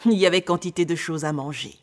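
A woman reading a fairy tale aloud in a measured, expressive way. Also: lowish voice. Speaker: storyteller. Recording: long hall reverb.

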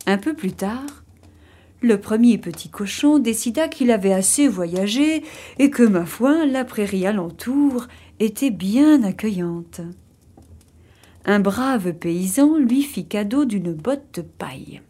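Woman storyteller, children's fairy tale, unhurried delivery, warm dark tone. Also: mid-range voice, lively intonation, breathy edge. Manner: slow, gentle storybook narration.

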